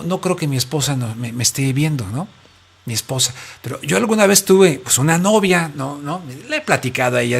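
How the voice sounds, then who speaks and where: A man's voice: fairly high pitch, gravelly. A man with a Mexican Spanish accent hosting a talk show, telling stories in a chatty, joking way. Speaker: host. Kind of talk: casual talk show chat. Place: studio.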